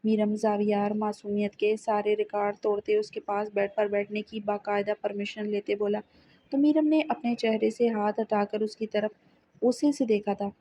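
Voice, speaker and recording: A woman reading a romance novel aloud as narrator, steady and measured. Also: medium pitch. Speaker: audiobook narrator.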